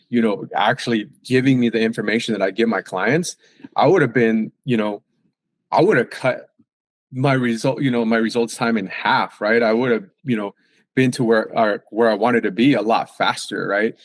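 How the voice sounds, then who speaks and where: In a casual podcast conversation, a man who coaches fitness and nutrition talks at normal speed in a fairly low, steady voice, with no room sound. His style is relaxed yet emphatic, packed with fillers and tags like "right?".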